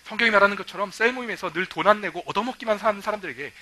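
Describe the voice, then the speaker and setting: A male pastor preaching a sermon, telling stories lively and acting out what people say. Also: sits high, very fast. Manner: lively storytelling, acting out quoted remarks.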